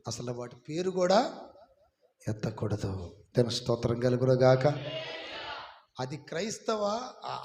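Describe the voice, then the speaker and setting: High-voiced preaching man in an echoey hall. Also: a little mellow. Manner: preaching with call-and-response, urging the congregation to repeat. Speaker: pastor. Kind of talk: sermon. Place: church hall. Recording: echoey hall, some of it from far off.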